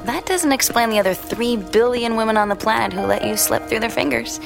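A woman's voice: fairly high pitch, fairly quick, vocal fry, over music. An actress playing a friendly but evasive young woman in a radio drama, chatty with nervous little laughs.

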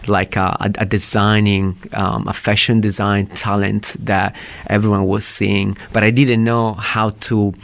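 A man in his thirties with an Italian accent, a guest telling his story in a studio interview, friendly and pausing to search for words. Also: lowish voice, flat delivery, vocal fry, no echo. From Italy. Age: 30s. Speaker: guest, fashion designer. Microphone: studio microphone.

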